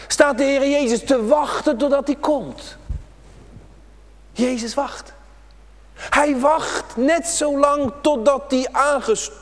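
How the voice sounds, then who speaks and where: Animated preacher man, high lively voice. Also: long reverb tail. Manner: emphatic, repetitive preaching addressed to children. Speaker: pastor. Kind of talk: children's prayer-day sermon. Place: church.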